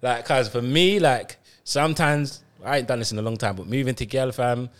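A man with a South London accent in casual, slangy podcast banter, telling stories in an animated way. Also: mid-range voice, moderate pace. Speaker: podcast co-host.

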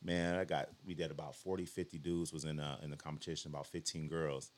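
Fast-talking deep-voiced man telling stories. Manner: animated storyteller, acts out quotes, slangy. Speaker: guest. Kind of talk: casual conversation.

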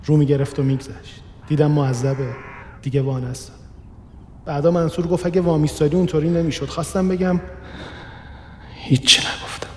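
A man narrating a first-person radio story in a quiet, reflective, measured way. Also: fairly high pitch, flat delivery, slight background noise. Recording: reverberant room with soft background music.

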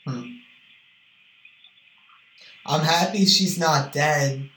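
A man's voice: a little high, very slow, sharp tone, a little hiss or hum. A man on a casual phone call, asking short, blunt questions on speakerphone with the phone held away from his mouth. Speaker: family member on a phone call. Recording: roomy, distant speakerphone sound.

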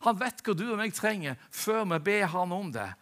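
A man's voice: high voice, expressive, fairly bright tone. A man preaching a sermon earnestly, asking rhetorical questions and often restarting his sentences.

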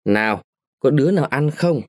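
A man voicing a sulky peasant husband who speaks curtly and gruffly, in a storybook reading. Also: fairly high pitch, animated, moderate pace, dry recording, clean studio sound, voice pushed up, lightly acted. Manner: gruff and curt.

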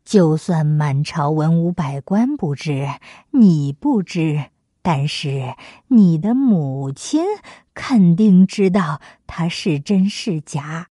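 A woman voicing a brash, clever male monkey king in a lowered, quick, coaxing voice. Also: expressive, warm tone, dry recording, clean studio sound, full character voice. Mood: hushed.

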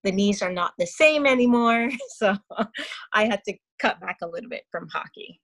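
Chatty Barbadian woman, quick to laugh. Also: medium pitch. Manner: laughs easily, relaxed and chatty. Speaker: interview guest, hockey player. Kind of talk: casual interview chat.

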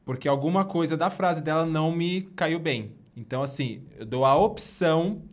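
A man with a Brazilian Portuguese accent, a podcast guest speaking in a calm, measured way. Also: on the high side. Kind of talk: casual podcast conversation.

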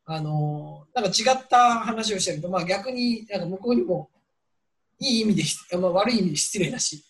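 A man's voice: high voice, lively intonation, brisk. A man in a casual podcast chat, telling stories politely and with animation.

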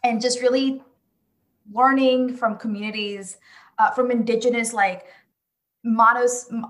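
A woman's voice: medium pitch, a bit bright. A woman working as an immigrant rights organizer talks casually and earnestly, often restarting phrases and repeating her key points for emphasis. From Latin American immigrant community. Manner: earnest, restarts and self-corrections, emphatic repetition. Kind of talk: casual conversational discussion.

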